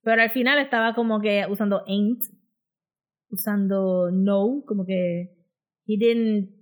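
A woman's voice: medium pitch, steady tone, unhurried. A woman with a Puerto Rican Spanish accent chatting casually as a comics podcast co-host, often slipping English words and phrases into her Spanish. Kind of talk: casual chat.

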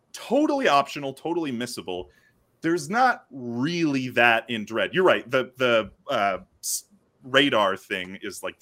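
A young man on a casual podcast, talking in halting bursts with frequent restarts. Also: mid-range voice, a bit bright. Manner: halting, many restarts and nitpicks. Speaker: podcast co-host. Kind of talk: casual chat.

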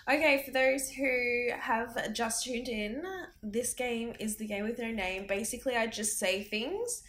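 A woman's voice: a little high, fairly even intonation, unhurried, a bit bright, a little hiss or hum. A young adult woman co-hosting a podcast in casual chat, chatty and teasing as she runs a game. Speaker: podcast co-host.

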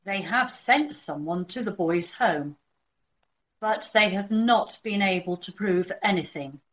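A woman with a natural, mid-range voice performs the role of a composed, no-nonsense doctor running covert operations in a scripted audio drama. Her delivery is serious and measured.

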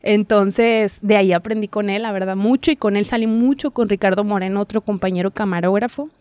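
A young woman, telling her story as a guest in a casual interview, chatty and quick to laugh. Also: medium pitch, steady tone, darkish tone, clean tone, dry recording. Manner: chatty storyteller, laughs often, acts out quotes. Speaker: guest, TV reporter.

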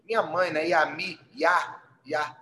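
A man's voice: on the high side, takes it slowly, sharp tone, slight background noise. A man explaining things in casual talk, with frequent tag questions and repeated words, and acting out quoted calls in a raised voice. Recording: roomy echo.

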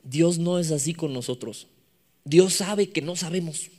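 A young man with a Mexican accent preaching a sermon to youth, animated and mixing playful slang with scripture. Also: on the high side, measured pace. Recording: long echoing reverb of a hall.

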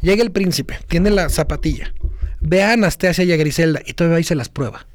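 A Mexican man with a high-pitched voice chats casually as a podcast co-host. He jokes and swears freely and laughs often. The sound is dry and close, with no room echo. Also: fast. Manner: joking, profane, laughs often. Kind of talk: casual chat.

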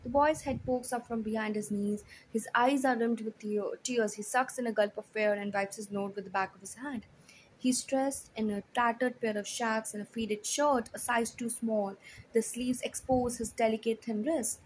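Brief: woman audiobook narrator, soft and hushed, slightly high. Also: fairly even intonation, normal speed, a little hiss or hum, rough recording. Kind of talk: first-person audiobook narration.

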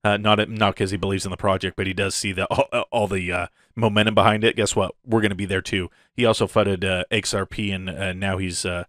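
A man's voice: low voice, flat delivery, brisk, hardly any pauses, a bit bright, no room sound, studio quality. A man hosting a casual crypto update in the gushing, hyped-up manner of a crypto bro, often chuckling as he talks. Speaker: crypto video host.

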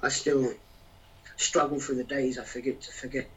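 A man's voice: medium pitch, flat delivery, moderate pace, a bit bright. A man, a spoken-word poet, performing rhythmic rhyming verse and chatting hesitantly with fillers between poems. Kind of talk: spoken-word poetry performance and casual chat. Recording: distant, dull lo-fi sound.

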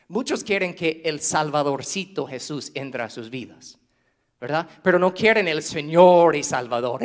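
A man preaching a sermon, swinging between loud emphatic stretches and low, hushed appeals, and drawing out key words slowly.

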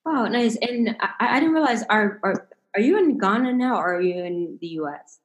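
A woman interviewing a guest, speaking haltingly with many restarts and filler words. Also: mid-range voice, animated, echoey room, lo-fi sound. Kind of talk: interview conversation.

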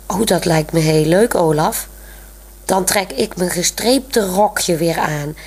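A woman's voice: fairly low pitch, takes it slowly, darkish tone, husky, heavily acted. A woman reading a proud, chatty young woman. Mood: pleased.

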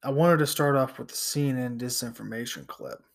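Halting man hosting casually. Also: mid-range voice, animated, creaky. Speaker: podcast host. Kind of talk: casual talk, introducing clips.

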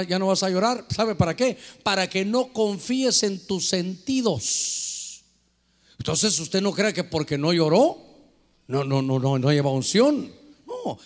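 A man preaching as pastor, animated and preachy, acting out prayers and dialogues as he answers questions. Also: high voice, big-room sound. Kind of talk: lively sermon with questions from listeners.

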